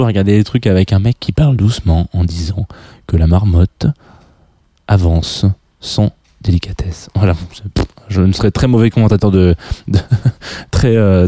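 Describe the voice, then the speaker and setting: A man's voice: on the low side, dark tone, no echo, studio quality. Rambling French-speaking man hosting radio. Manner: rambling, hesitant, many fillers and restarts. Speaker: radio show host. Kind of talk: casual talk about film soundtracks.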